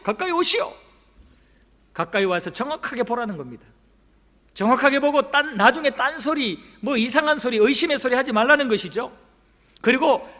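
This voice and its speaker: A man's voice: sits high, fairly bright tone. A male pastor preaching a sermon, telling the story with dramatic flair and acting out the quoted lines. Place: church sanctuary. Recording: long church hall reverb.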